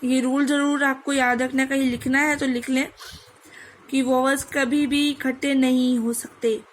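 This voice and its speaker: A woman's voice: high-pitched, level tone, moderate pace, slight background noise, rough recording. A woman teaching French number pronunciation, mixing Hindi with English and sounding out each word. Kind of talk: online language lesson.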